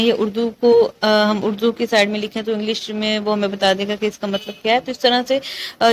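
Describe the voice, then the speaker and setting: A woman's voice: fairly high pitch, poor audio. A woman tutor, going over exam topics in a casual lecture, often checking in with her students. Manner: repetitive, checks in with "theek hai?".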